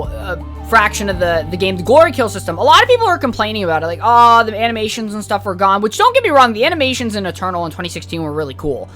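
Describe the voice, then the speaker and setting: This woman hosts a podcast where she reviews a video game casually and with strong opinions, rambling candidly with plenty of fillers and a bit of swearing. Her voice is mid-range and slightly bright.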